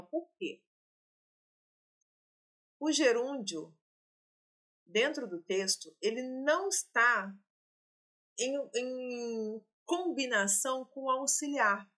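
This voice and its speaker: A woman walks students through exam questions. Her voice is clear, bright and slightly high, and she explains each step while talking straight to her class. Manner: explanatory, addresses students directly. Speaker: teacher.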